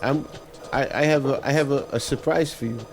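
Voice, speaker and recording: Male radio host, rambly and effusive, trips over his words, mid pitch. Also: a little fast, vocal fry, poor audio. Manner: rambling, stammering, effusive praise. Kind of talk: casual interview sign-off.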